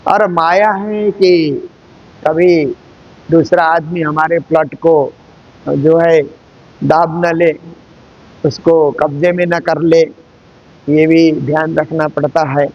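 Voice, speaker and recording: Man giving a slow spiritual talk, slightly high voice, keeps repeating phrases, muffled lo-fi stream sound. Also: flat delivery. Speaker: spiritual teacher giving a scripture discourse. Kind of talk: devotional discourse.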